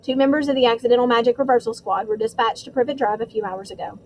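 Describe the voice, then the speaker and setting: A portly middle-aged official with a lowered, clipped voice, pompous and quick to turn testy, as a woman reader puts him on. He talks in a pointed, self-important audiobook manner. A faint hiss sits under the voice. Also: steady tone, darkish tone, close to an everyday voice, poor audio. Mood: reassuring.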